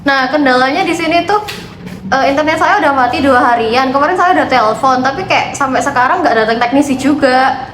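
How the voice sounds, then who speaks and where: In an echoey room, a woman acts out a fed-up female customer in an amateur role-play. Her voice is high, and she complains in loose, informal, grumbling speech. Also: fairly quick, fairly bright tone, slight background noise. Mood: complaining.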